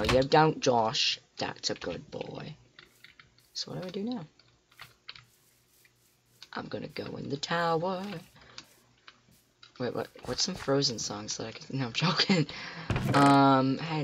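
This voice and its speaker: Excitable teen boy, slow-talking, cracking voice. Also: medium pitch, gravelly, noisy background. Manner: excitable, rambling, talks to himself while playing. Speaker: gamer. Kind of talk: casual game commentary. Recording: loud keyboard clicks and typing.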